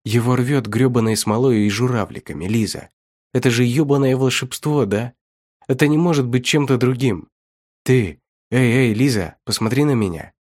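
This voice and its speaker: A man's voice: medium pitch, moderate pace, a little mellow, close to an everyday voice. A man voicing a desperate male hunter who speaks tersely through clenched teeth in an audiobook. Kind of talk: audiobook reading.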